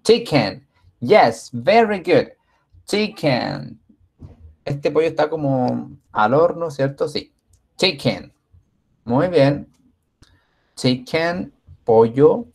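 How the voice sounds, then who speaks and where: Slow, patient male teacher. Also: a little high, expressive, creaky, darkish tone, husky. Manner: slow, patient, praising often. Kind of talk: online class for young children.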